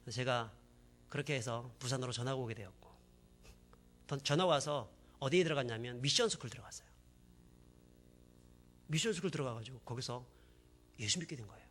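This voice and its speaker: A male pastor giving a sermon testimony, dramatic in his storytelling and swinging from hushed to loud. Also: mid-range voice, a little fast, pauses often.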